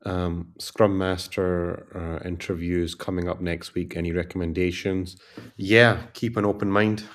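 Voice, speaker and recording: A deep-voiced man speaks a little slowly while hosting a relaxed livestream as a career coach. He's tired and yawning, drifting through his talk and repeatedly asking people to like and subscribe.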